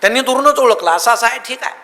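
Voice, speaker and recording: Male motivational speaker with a sharp, bright tone, full of lively storytelling, recorded in a big reverberant hall. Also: very high-pitched, fast. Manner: lively storytelling with comic anecdotes. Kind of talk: humorous public speech.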